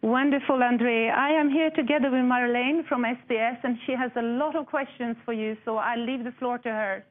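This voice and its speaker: A woman's voice: on the high side, fairly even intonation, moderate pace, hardly any pauses. A woman moderating for a space agency, heard over a space-to-ground radio link, using formal and courteous radio protocol. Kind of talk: live radio call to a space station. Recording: tinny radio transmission.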